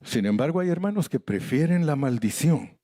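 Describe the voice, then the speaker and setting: A man's voice: fairly high pitch, expressive, moderate pace, warm tone, no echo, clean studio sound. An older man preaching a sermon as pastor, emphatic and acting out conversations with sudden jumps in his voice. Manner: emphatic preaching that acts out conversations, voice leaping up for stress.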